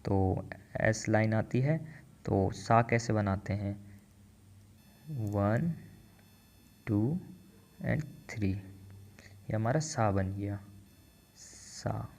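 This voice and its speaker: Male teacher, slow and gravelly, patient step-by-step delivery, counts strokes aloud. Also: fairly low pitch, a little mellow. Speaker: language teacher. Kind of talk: step-by-step writing lesson.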